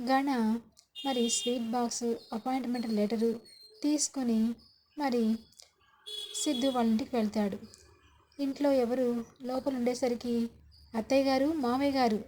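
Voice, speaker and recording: Woman retelling a tv serial, mellow voice, faint noise behind. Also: fairly high pitch, steady tone, low-quality recording. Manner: fast retelling with frequent linking fillers. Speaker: serial recap narrator. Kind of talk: storytelling recap of a TV serial.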